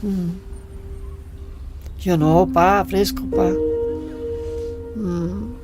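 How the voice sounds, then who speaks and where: Lively woman telling her story. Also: fairly low pitch, drawn-out words, over loud music. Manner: lively storytelling, acting out dialogue.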